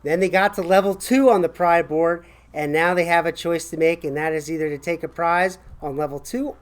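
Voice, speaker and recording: An American man in his forties giving casual, enthusiastic school announcements to a camera in a classroom, chatty and encouraging. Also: a little high. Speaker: school staff host of morning announcements. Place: small classroom, indoors.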